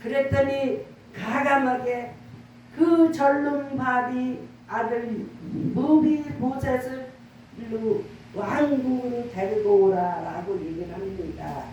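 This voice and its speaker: Middle-aged woman pastor, high voice, earnest and chatty delivery, recorded far off in a very echoey church room. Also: slow, a little mellow, muffled recording, slight background noise. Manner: earnest, conversational preaching with frequent call-and-response. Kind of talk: sermon.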